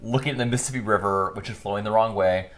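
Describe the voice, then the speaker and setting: A man co-hosting a casual podcast chat, telling stories in an animated way and laughing often. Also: on the low side, rapid-fire. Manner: animated, chatty storyteller who laughs often. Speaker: podcast co-host.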